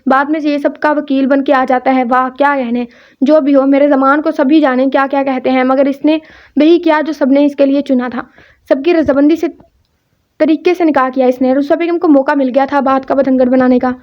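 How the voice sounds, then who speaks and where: High-voiced woman reading a novel. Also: steady tone. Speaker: audiobook narrator. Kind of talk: reading a romance novel aloud. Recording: dull lo-fi recording.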